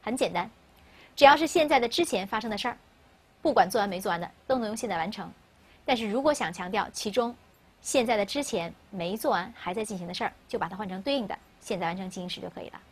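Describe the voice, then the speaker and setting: A woman with a husky, mid-range voice talks expressively at a quick pace. A native Mandarin speaker, she teaches an English grammar lesson in Mandarin, posing questions to her class and answering them herself.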